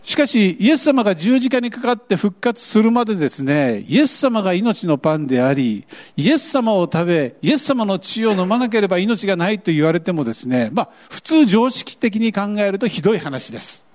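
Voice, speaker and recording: A man's voice: sits high, a little fast, few pauses. A man preaching a sermon as pastor, acting out grumbling voices as he tells it, with a lilt. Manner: animated, acts out quoted grumbling voices.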